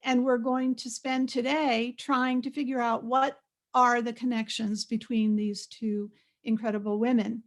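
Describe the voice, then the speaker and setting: Talking from her home office on a video call, a soft-voiced woman of about 70, an art historian and curator, delivers a guest lecture informally. She sounds fairly high and level in tone, conversational yet hesitant, with frequent pauses, captured by an external microphone attached to her computer.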